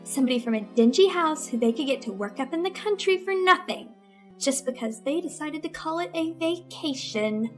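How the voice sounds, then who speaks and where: Here the same role, a bitter, scheming teen girl narrating a melodramatic old-time radio suspense play over music, gets a high-pitched, lively reading at a moderate pace. Resentment colors both her mood and her melodramatic manner.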